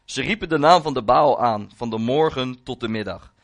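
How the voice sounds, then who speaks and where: A man's voice: mid-range voice, normal speed. A male preacher reading a long scripture passage aloud as part of his sermon, solemn and with rising emphasis.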